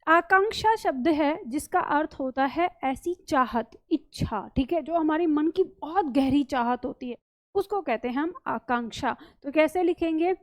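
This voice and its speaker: A woman with a high, light voice teaches a spelling lesson. She talks patiently, saying each word slowly and often checking that the class has understood. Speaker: Hindi teacher. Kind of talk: spelling lesson, explaining words step by step.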